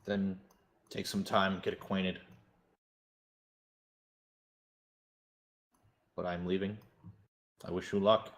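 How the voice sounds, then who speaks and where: A grave informant, voiced by a man in a tabletop role-play, speaking in a low, level voice. He briefs the party steadily and stately, with little rise and fall, and pauses for weight. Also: level tone. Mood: urgent. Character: grave male informant briefing adventurers on enemies.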